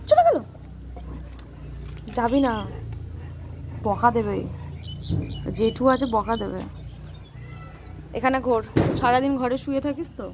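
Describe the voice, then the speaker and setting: A woman with a high, light voice scolds and coaxes her dog during a walk outside. She repeats short commands again and again. The outdoor phone recording has clear background noise and dog sounds. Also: a little slow, long pauses. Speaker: dog owner. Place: outdoors on a street.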